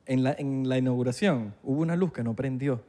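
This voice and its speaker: A man's voice: medium pitch, fairly quick, warm tone. A man, co-hosting a podcast in casual chat, teasing and correcting pronunciation into a studio microphone. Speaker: podcast co-host.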